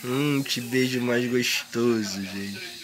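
Um homem com sotaque brasileiro, filmando o bebê com o celular num quarto pequeno e falando com ele em tom carinhoso e arrastado. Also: male voice, mid-range voice, crowd noise. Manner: doting baby talk, drawn-out words, playful questions. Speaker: parent filming his baby. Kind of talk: casual home video. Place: small bedroom indoors. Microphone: handheld phone camera, speaker behind it.

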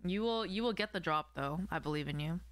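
A young non-native English speaker talks fairly quickly in a lowish voice. She's on a live stream in a small indoor room at home, close to an arm-mounted desk mic, keeping it informal and slangy while reading viewer messages and responding.

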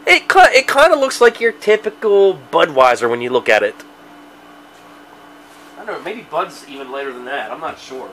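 A man's voice: on the high side, big pitch swings, moderate pace, pushed and bright. A man in his thirties co-hosting a casual beer review, joking crudely with his friend at a basement bar, picked up by a far camera. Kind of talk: casual chat. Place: dim basement bar, indoors. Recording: distant camera sound with faint noise.

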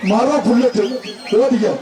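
A man announcing live at an outdoor bull-taming event through a loudspeaker, excitedly calling out bull names and shouting warnings to the tamers. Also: extremely high pitch, measured pace. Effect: through a loudspeaker system. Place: outdoor festival arena. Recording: echoey loudspeaker from far off, loud crowd. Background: loud cheering crowd and noise.

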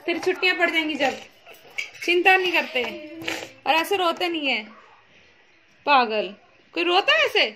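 A woman's voice: very high-pitched, very animated, normal speed, pauses often, background noise. A young woman vlogger chatting casually and teasingly with her family at home, laughing often. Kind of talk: casual family vlog chat. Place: crowded family home, indoors.

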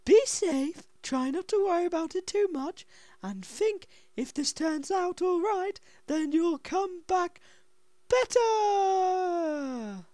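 A man doing a shrill falsetto mum. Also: expressive, slow pace, darkish tone, no echo, full character voice. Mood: soothing. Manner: high falsetto, laughing and breaking character. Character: exaggerated shrill middle-aged mother. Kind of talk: voicing a game character while playing.

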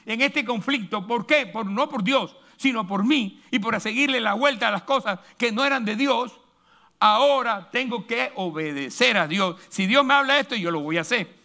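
A male pastor preaching a sermon, emphatic, moving between loud lines and hushed asides. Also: extremely high pitch, normal speed.

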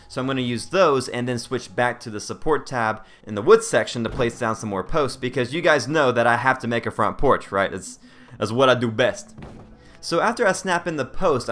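A man's voice: medium pitch, a bit bright. A man hosting a casual game tutorial voice-over in a joking, conversational manner. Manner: self-deprecating, joking, conversational. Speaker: video host.

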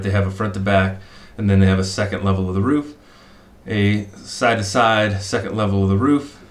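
Working from a desk in a small room, a middle-aged man who analyzes fishing spots guides viewers through his shared screen. His lowish voice sounds roomy, and he thinks out loud, explaining things with frequent "um" and "uh."

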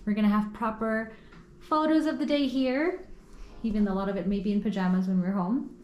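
In casual tour narration, a woman travel vlogger shows off a rented apartment indoors, chatty and delighted and full of quick asides. She speaks at a medium pitch with fairly even intonation, and the audio is reverberant and lo-fi.

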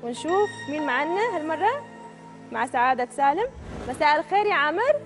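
A woman hosting a televised quiz show from a studio, reading out questions and answer options crisply and upbeat. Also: sits high, very animated, quick pace. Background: show music.

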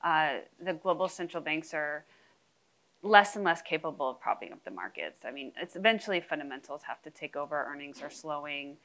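A woman in her thirties, a research head, giving measured, frank answers on a conference stage through a lapel mic. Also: deep voice, expressive, a bit bright, poor audio. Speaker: head of international research on a panel. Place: conference stage before a live audience.

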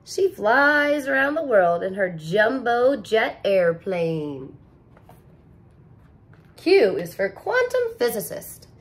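In a living room with a couch, a woman in her thirties who teaches reads a picture book aloud to small children, recorded close to the camera. Her delivery is expressive and sing-song, her voice a little high, and she takes it slowly.

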